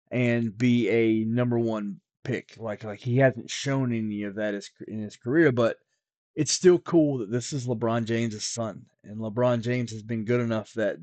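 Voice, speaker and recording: A man's voice: medium pitch, a little mellow, dry recording. A man talks in a loose, rambling way on a casual podcast, stumbling over restarts and leaning on fillers. His voice sits in a middle register and sounds dry and close, with no room around it. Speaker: podcast co-host, card expert. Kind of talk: casual chat.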